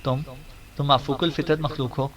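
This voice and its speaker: A man's voice: medium pitch, level tone, close to an everyday voice. A man playing a beaten colonel begging for mercy. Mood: pleading. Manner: pleading, shaken. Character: defeated, pleading male enemy colonel. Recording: distant mic.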